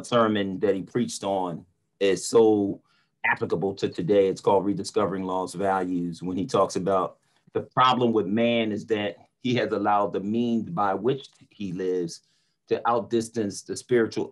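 Speaking a little slowly in a low, steady voice, a middle-aged man from North Philadelphia, United States, makes his point on a video call. He's a preacher and motivational speaker, earnest and emphatic, repeating words during a casual online panel, picked up by a computer mic in a small indoor room at home or an office.

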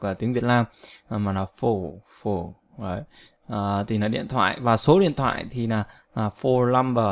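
A man teaching an English lesson, repeating each word slowly for pronunciation drill and often checking in with his students. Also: medium pitch, creaky. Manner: keeps checking with "right?" and filler "uh". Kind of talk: language lesson explanation.

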